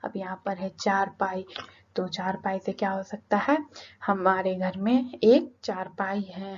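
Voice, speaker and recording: A woman's voice: medium pitch, a little mellow. Woman teacher explaining a lesson, muffled. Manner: reads a passage aloud, then explains it in simple words; keeps checking in with "ठीक है?" and "है ना". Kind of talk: explaining a Hindi lesson to children. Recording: slightly muffled lo-fi sound.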